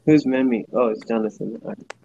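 A man in casual chat on an online call, his voice muffled and bass-heavy with the highs cut off, tossing out quick, teasing questions. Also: vocal fry, warm tone, slight background noise. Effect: muffled, bass-heavy sound with the highs cut off. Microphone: phone on an online voice call.

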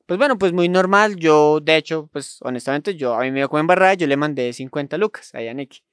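Colombian guy rambling thru a story on a podcast, kinda high voice, lots of slang and laughs, dry close mic. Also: quick pace, fairly bright tone, clean tone, no echo. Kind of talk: casual chat.

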